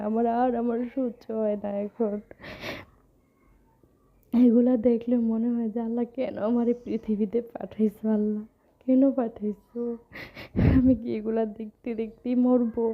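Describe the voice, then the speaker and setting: A woman's voice: fairly high pitch, narrow, tinny audio. A tearful woman speaking in a personal vlog, pleading and lamenting in a repetitive way as she cries. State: tearful, crying. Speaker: vlogger addressing her followers. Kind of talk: emotional personal vlog monologue.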